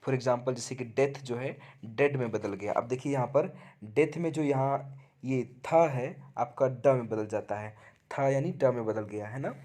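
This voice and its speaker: A young adult man teaching a lesson, reading English lines slowly and then explaining each one, asking and answering his own questions. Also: mid-range voice, dark tone. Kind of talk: bilingual lecture explaining a text.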